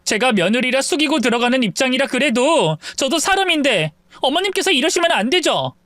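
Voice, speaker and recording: An indignant young wife, heated and reproachful, as a man puts her on in a raised, lively voice that swings up with each complaint. Her pleading lines come across close and dry, with no room sound. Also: extremely high pitch, fairly quick, no room sound, pitched above the performer's own voice, full character voice.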